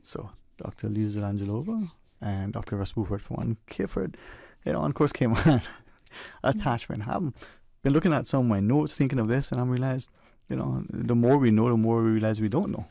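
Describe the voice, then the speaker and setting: A man's voice: medium pitch, brisk, creaky, warm tone, dry recording. A man hosting a radio call-in show in a conversational way.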